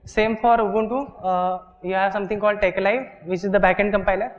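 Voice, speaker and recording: A man's voice: high voice, steady tone, fairly quick. A man with an Indian English accent teaching a workshop class in a lecture hall, explaining step by step and checking in with "okay" and "right". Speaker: workshop instructor. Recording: dull, echoey lecture hall recording.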